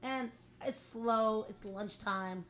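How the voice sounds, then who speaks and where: A woman co-hosting a podcast, an artist telling animated stories in casual chat and acting out quotes. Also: on the high side, slow, slight background noise. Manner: animated storyteller, acts out quotes.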